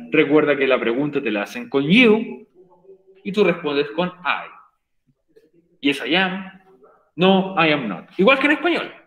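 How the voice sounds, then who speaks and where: Here, a male English teacher with a slightly high, somewhat bright voice walks an online class through the material in Spanish. Patiently repeating points, he often checks in with "ok?". The audio is rough and reverberant.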